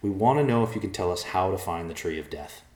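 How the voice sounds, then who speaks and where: An earnest young male bear, low and polite, always keeping things on track, as a man voices him. The storybook reading carries a roomy echo. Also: expressive, fast talker, darkish tone.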